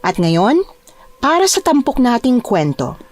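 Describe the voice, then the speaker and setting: A woman's voice: fairly high pitch, big pitch swings, darkish tone. Woman narrating a horror story over music. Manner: measured, solemn.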